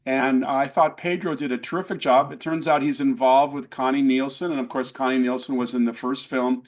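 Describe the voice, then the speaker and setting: A middle-aged man hosting a casual film chat who talks about movies he enjoyed with warm enthusiasm. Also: mid-range voice, steady tone, brisk. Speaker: host.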